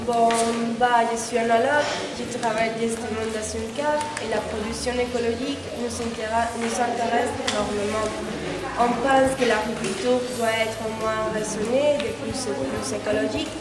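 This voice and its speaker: French woman interviewee, hesitant, slightly high voice, far off in a hall. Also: steady tone, moderate pace, over a noisy crowd. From France, Champagne region. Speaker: interviewee, wine cellar worker. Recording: distant, echoey hall.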